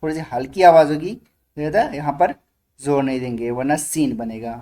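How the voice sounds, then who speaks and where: A man teaching Quran reading, calling out letter sounds slowly and stretching each one for learners to repeat. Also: a little high. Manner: asks learners to repeat loudly after him. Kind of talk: slow drilled recitation lesson.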